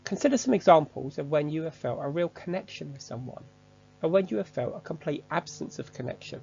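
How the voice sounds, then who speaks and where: A man giving a measured, structured, scripted online lesson as a course instructor. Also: a little high, expressive, gravelly, darkish tone, dull audio, slight background noise.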